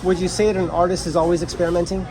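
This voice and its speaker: A man's voice: high-pitched, little pitch movement, very fast, low-quality recording. A man interviewing a young artist, encouraging him and asking follow-up questions. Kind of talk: casual interview.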